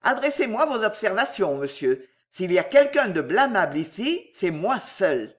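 A dignified old gentleman answers with firm, formal courtesy, voiced by a woman reader. The delivery rises and falls in a lively storybook manner. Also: medium pitch, moderate pace, close to an everyday voice. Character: dignified elderly gentleman philosopher, earnest. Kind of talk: audiobook character reading.

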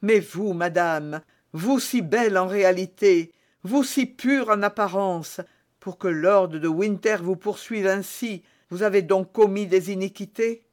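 A man's voice: high voice, a little slow. A man reading aloud, voicing an earnest young puritan officer. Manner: earnest, urgent. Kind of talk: audiobook character reading.

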